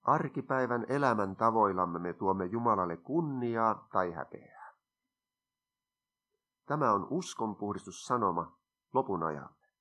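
A man's voice: lowish voice, animated, pauses often, bright, forceful tone. An older man preaching a sermon, reading scripture aloud and addressing his congregation directly.

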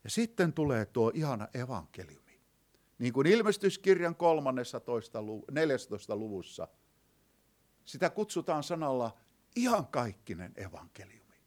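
A man preaching a sermon to a live congregation, asking them rhetorical questions and slowing down to read scripture quotes, swinging from loud declaiming to hushed low passages. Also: animated.

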